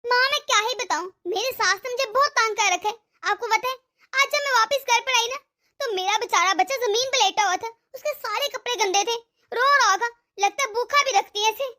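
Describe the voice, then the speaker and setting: A bossy young cartoon daughter-in-law. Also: female voice, very high-pitched, brisk. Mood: scolding. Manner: sharp, scolding, impatient. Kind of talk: cartoon dub voice acting.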